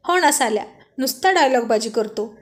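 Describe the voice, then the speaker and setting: A woman's voice: a little high, expressive, moderate pace, natural voice. A woman reading as a cheeky mocking young man. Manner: mocking, jokey.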